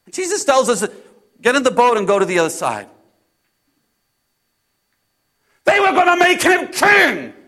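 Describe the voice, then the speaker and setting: A man playing an impulsive disciple in a first-person dramatic Bible monologue, halting and repeating his phrases as he swings between hushed and loud delivery. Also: high-pitched, very animated. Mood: incredulous, frustrated. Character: Peter, impulsive male disciple recounting storms at sea.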